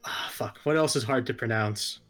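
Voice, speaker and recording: A man's voice: mid-range voice, moderate pace, a bit bright, faint music behind. A man co-hosting a casual chat who swears freely and makes fun of himself. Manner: swears freely, self-mocking. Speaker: podcast co-host.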